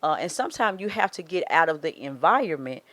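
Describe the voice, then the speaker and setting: A woman's voice: low voice, very animated, fast talker, a bit bright, no echo. A woman in her forties with a Southern US accent, a marriage coach giving earnest advice in a casual podcast chat. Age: 40s. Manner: earnest, advising, acts out quoted thoughts. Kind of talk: casual faith-based podcast talk.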